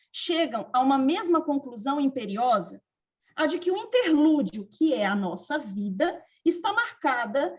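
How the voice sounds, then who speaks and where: High-voiced woman reading a paper. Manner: measured, reflective delivery with literary quotations. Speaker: presenter at a psychoanalysis seminar. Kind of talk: reading an academic paper aloud. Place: video call.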